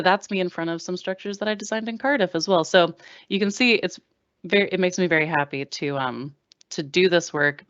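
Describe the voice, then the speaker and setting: An American woman in her thirties, a rail engineer giving a relaxed, chatty career talk over a video call. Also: deep voice, clean tone, no echo, lo-fi sound. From United States. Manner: relaxed, chatty, with many fillers. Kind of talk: presenting a slide talk.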